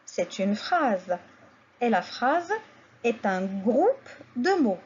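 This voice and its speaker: A woman teaching a beginner French lesson, speaking slowly and repeating each key word. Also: on the high side, breathy edge, highs cut off. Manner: slow, repeats key words, lively teaching intonation. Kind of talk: slow, deliberate French lesson for learners.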